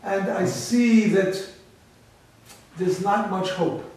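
A man's voice: high-pitched, takes it slowly, darkish tone. A man from the United States, a rabbi giving a public lecture with emphatic rhetorical questions. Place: large echoey library hall. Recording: echoey hall from far off.

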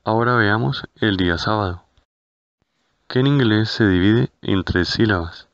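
A man narrating a scripted language lesson, speaking slowly and carefully and repeating each word. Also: fairly low pitch, fairly bright tone, dry recording. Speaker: language teacher. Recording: dull, lo-fi.

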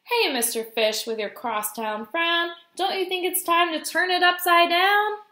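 A woman's voice: very high voice, measured pace, pushed and bright, reverberant, pitched above the performer's own voice, exaggerated voice. A woman voicing a friendly female clam from a storybook, coaxing and full of advice.

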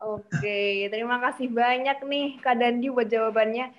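A woman's voice: a little high, steady tone, measured pace. A woman moderating an online class, reading out audience questions and guiding the session in a friendly way. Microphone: video call. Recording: dull lo-fi video call audio.

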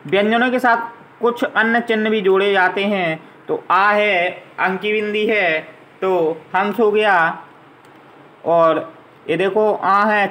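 A man's voice: high-pitched, fairly bright tone, low-quality recording. A man teaching a grammar lesson to young children, patiently spelling out letters and vowel signs one at a time.

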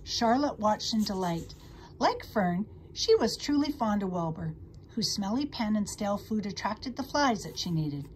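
A woman reading a children's storybook aloud, expressive and animated. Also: mid-range voice, normal speed, slight background noise. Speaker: audiobook reader. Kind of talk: storybook read-aloud narration.

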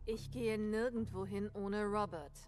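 A woman's voice: mid-range voice, fairly even intonation, measured pace, music in the background, lightly acted. A woman acting a tough, determined smuggler in her forties in a dubbed video game, curt and commanding. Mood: firm, defiant.

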